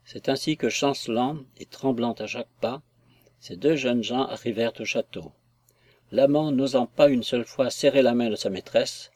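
Male audiobook narrator, measured literary delivery, dry close sound, mid pitch. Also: a little mellow, no echo.

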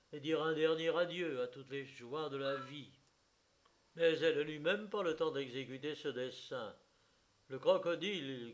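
A man narrating an audiobook in a measured, expressive storytelling manner. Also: fairly high pitch.

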